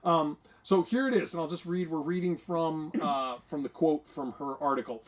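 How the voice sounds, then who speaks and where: Male co-host, slightly higher voice, casual faith chat full of fillers and restarts, earnest tone. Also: normal speed. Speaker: co-host of a church livestream. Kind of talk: casual faith talk with scripture reading.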